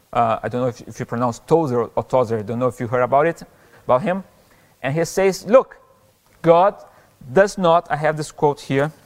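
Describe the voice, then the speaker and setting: Male pastor, earnest and halting sermon delivery, slightly high voice, long church reverb. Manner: earnest, halting with restarts and self-corrections.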